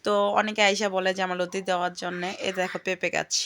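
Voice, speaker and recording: A woman's voice: on the low side, little pitch movement, quick pace, fairly bright tone, a little hiss or hum. A woman, chatting casually in a home vlog from her garden, often exclaiming aloud and calling out to her pet bird. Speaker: vlogger.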